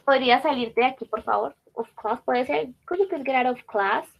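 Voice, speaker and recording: A woman's voice: high-pitched, moderate pace, gravelly, dull audio. A woman teacher leading a class, patiently repeating and praising student answers.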